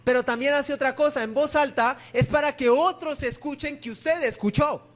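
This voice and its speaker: A man's voice: very high voice, normal speed, fairly bright tone. A man, a pastor preaching a sermon in church, who keeps asking the congregation questions and answering them himself.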